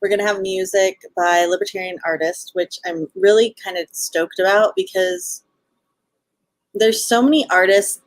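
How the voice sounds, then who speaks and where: A woman's voice: medium pitch, normal speed, dry recording, rough recording. A woman from Los Angeles with a Californian Valley Girl accent, chatting casually as an interview guest in a bubbly, slangy sorority-girl manner. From Los Angeles, United States. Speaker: podcast guest, show co-founder and event organizer. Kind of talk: casual live interview chat.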